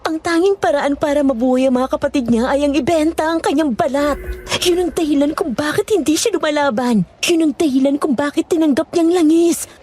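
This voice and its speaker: A woman's voice: sits high, a little fast, mellow, a little hiss or hum, close to an everyday voice. A woman playing a frightened village woman in a horror audio drama, urgent and bitter. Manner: urgent and pleading, then bitter.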